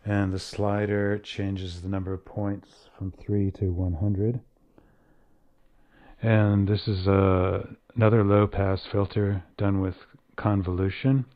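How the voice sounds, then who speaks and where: Low-pitched man, muffled bass-only filter. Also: flat delivery. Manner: plain, unhurried explaining. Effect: low-pass filtered, muffled with only bass left. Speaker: software demonstrator. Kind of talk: casual software demo. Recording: voice run live through an app's audio filter, with music.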